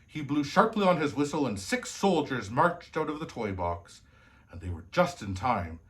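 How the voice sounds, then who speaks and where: Playing a jolly old Santa Claus, a man reads cheerful children's storybooks as the host, slow, hearty and theatrical, full of storytelling wonder. His mid-range voice is very animated with a fairly bright tone.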